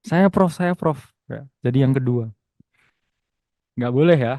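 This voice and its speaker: A man's voice: medium pitch, unhurried, dark tone, no room sound. A young man with an Indonesian accent hosts an online trading webinar in a casual, teasing way, reading the chat aloud and tagging his lines with "ya". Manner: chatty, teasing, reads chat aloud, many tag "ya". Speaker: webinar host and trading teacher.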